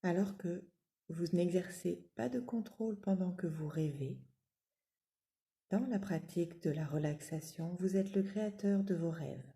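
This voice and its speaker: Speaking in a lowish voice, a woman guides listeners through yoga nidra. Her gentle instructions come slowly and soothingly, with long silences between them.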